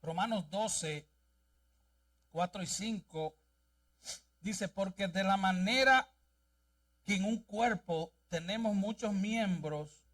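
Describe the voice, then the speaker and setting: A man's voice: high voice, takes it slowly, pauses often, fairly bright tone, recorded from a distance. A male pastor preaching a sermon and reading scripture aloud in a church, with an emphatic delivery. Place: church sanctuary.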